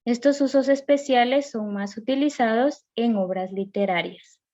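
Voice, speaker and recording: Woman teacher going slow through grammar rules, kinda high voice, dull lo-fi audio. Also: darkish tone. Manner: slow, careful reading of rules and examples. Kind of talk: recorded grammar lesson.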